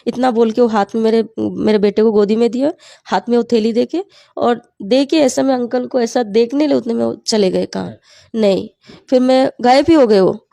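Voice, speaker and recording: Woman, earnest storyteller, gravelly, mellow tone. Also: a little high, normal speed, dry recording, studio quality. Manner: earnest, storytelling with quoted prayers. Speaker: testimony speaker. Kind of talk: personal faith testimony.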